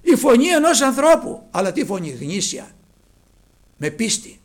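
A man preaching a sermon, swinging from loud cries to hushed near-whispers. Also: very high-pitched, very animated, soft background music.

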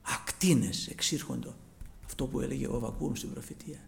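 A man preaching a sermon, moving from quiet storytelling to loud fervent peaks. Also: medium pitch, gravelly. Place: church broadcast live.

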